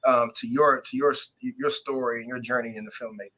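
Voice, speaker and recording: A male talk show host asking the guest to introduce herself, halting and repeating words. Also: medium pitch, fairly even intonation, sharp tone.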